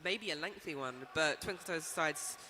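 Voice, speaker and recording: A man's voice: on the high side, normal speed, sharp tone, long reverb tail. A man giving playful, joking live commentary on a roller derby game, laughing often. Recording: faint ambient noise.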